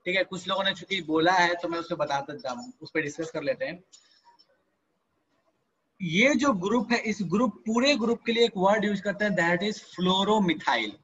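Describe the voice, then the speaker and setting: Bright high-voiced male teacher, coaxing. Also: moderate pace, dull audio, slight background noise. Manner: coaxing, repeats "ठीक है" and "ध्यान दो", asks and answers own questions; addresses students by name, mixes English terms into Hindi. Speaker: chemistry teacher. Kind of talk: live online class lecture.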